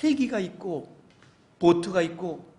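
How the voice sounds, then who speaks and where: High-voiced man preaching a lively sermon. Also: unhurried. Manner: animated storytelling, swelling into emphatic exhortation. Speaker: pastor. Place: church sanctuary.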